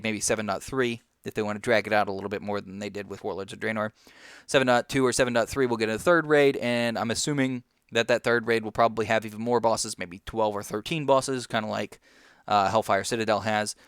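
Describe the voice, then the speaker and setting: A man talks through a game announcement in a loose, rambling way, stopping for plenty of ums and uhs. His voice sounds smooth and resonant. The recording is dry and close, with no room sound. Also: on the low side, fairly bright tone, no echo. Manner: rambling, lots of ums and uhs, chewing gum. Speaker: gaming commentator. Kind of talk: casual video game commentary.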